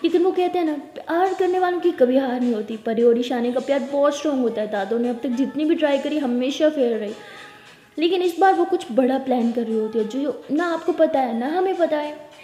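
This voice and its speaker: High-voiced woman storyteller, echoey room. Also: a little fast, mellow. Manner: chatty, mixes English into Hindi. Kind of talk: casual story narration for video. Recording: echoey room with long reverb.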